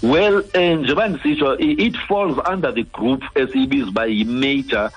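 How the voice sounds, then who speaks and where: Male radio health expert, Xhosa accent, husky mid-range voice, hesitant code-switching delivery. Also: mid-range voice, brisk, highs cut off. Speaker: doctor, guest expert. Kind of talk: explaining on a radio health programme.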